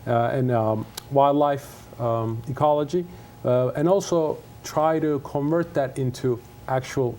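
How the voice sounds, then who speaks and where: A man's voice: mid-range voice, a little mellow. A middle-aged man from Turkey, Turkish native speaker, talking earnestly in a TV studio interview as a conservation scientist, with many fillers and restarts. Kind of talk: casual interview talk.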